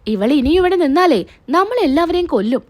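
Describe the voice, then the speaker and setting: Scheming mother-in-law who keeps scolding, read by a woman, high and lively. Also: brisk. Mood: accusing. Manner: accusing, scolding.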